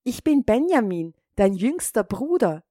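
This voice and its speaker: A woman voicing a kind youngest brother in a fairy tale, speaking calmly and in a measured way. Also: a little high, no room sound, clean studio sound, pitched above the performer's own voice.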